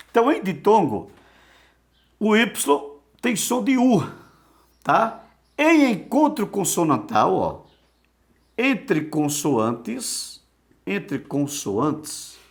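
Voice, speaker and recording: A male teacher gives an online lesson in a slightly high, very animated voice. He speaks slowly and repeats words several times for practice. He poses questions to himself and answers them right away. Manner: answers his own rhetorical questions, repeats words for drilling.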